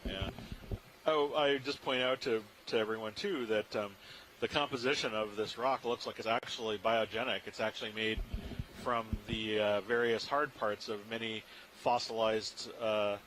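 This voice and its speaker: A man's voice: lowish voice, fairly even intonation, moderate pace, fairly bright tone. Man musing over noisy live dive commentary. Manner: marveling, musing. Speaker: scientist commentator on a deep-sea ROV dive. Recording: clearly noisy live control-room audio feed.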